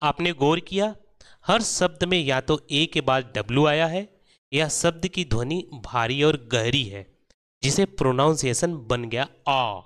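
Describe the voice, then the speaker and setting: A man narrating a scripted pronunciation lesson, explaining rules slowly and drawing out each example word. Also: a little high, fairly bright tone. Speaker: English pronunciation teacher.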